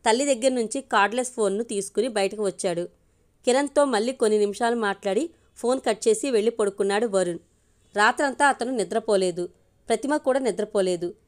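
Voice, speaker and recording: A woman's voice: on the high side, a little fast, a little mellow. A woman reading a family story aloud, voicing the characters' dialogue in her own voice. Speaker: narrator.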